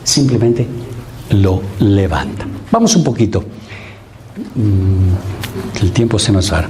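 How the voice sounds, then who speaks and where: A man's voice: on the low side, takes it slowly, a little hiss or hum. A man preaching as a priest at a Lenten retreat, asking his listeners rhetorical questions and acting out the voices he quotes. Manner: animated, acts out quoted voices, asks the audience rhetorical questions.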